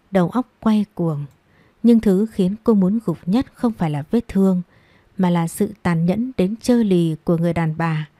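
A woman narrating a dramatic audiobook story in a measured storytelling manner, recorded close on a mic. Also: fairly low pitch, dark tone, dry recording.

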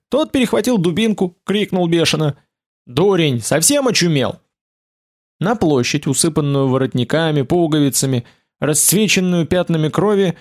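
Man narrating an audiobook, slightly high voice. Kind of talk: scripted narration of an adventure novel.

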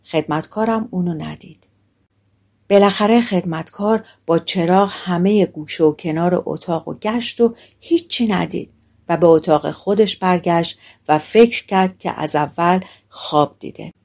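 Woman telling a fairy tale aloud. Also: on the low side. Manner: relaxed spoken-colloquial storytelling. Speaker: audiobook narrator. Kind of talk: storybook narration.

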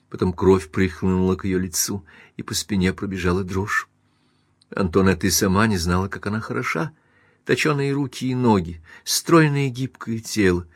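A man reading a classic novel aloud as audiobook narrator, even and measured. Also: low-pitched, no echo, clean studio sound. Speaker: audiobook reader.

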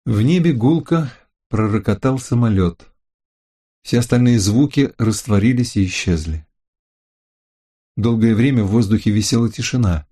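A man with a husky voice narrating a first-person crime novel as an audiobook. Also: lowish voice, moderate pace, pauses often, dark tone.

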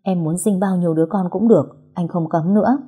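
A woman's voice: fairly low pitch, fast talker, warm tone. A woman voicing a young man, an unstable ex-husband who begs and then threatens. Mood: pleading. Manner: threatening, rough-spoken.

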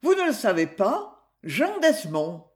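A reader voicing a flustered older widow who pleads in a higher, quavering voice. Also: huge pitch swings, takes it slowly. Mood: pleading.

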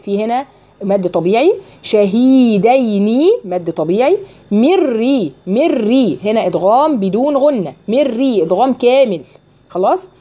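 Mellow Egyptian woman teaching recitation. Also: a little high, expressive, unhurried. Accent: Egyptian Arabic. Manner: patiently correcting and explaining pronunciation. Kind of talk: one-on-one tajweed lesson.

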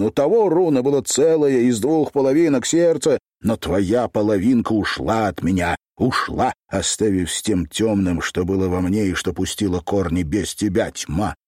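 A man's voice: lowish voice, normal speed, hardly any pauses, warm tone, no room sound, clean studio sound, natural voice. A man doing a bitter, wounded young man. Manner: bitter, accusing. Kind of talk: audiobook reading.

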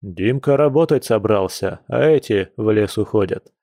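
A man voicing a relaxed, easygoing bear-shifter grandson in a fantasy audiobook, mumbling and grumbling a little. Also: on the low side, normal speed, no room sound, studio quality.

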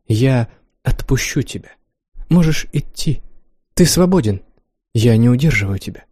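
A man's voice: mid-range voice, unhurried, breathy edge, no echo, clean studio sound. A man reading as a cold, scornful domineering woman. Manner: calm, mocking, commanding. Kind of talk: audiobook character reading.

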